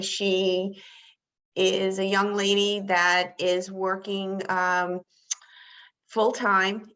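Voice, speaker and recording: A woman's voice: fairly low pitch, a bit bright. A woman who works as a real estate broker, sharing a story on a group call in a hesitant way, with many "um"s.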